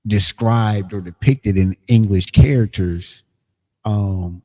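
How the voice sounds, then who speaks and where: A man teaching a livestreamed language class, explaining in a casual, halting way with frequent pauses and ums. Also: lowish voice, mellow. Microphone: streaming setup, screen sharing.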